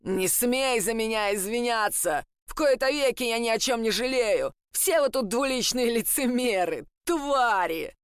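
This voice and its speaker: A woman's voice: a little high, animated, clear, resonant tone, no room sound, studio quality, exaggerated voice. Woman voicing a raging, sneering young man. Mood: furious. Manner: shouting, sneering, drawn-out taunts. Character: furious spiteful young man, gallery owner.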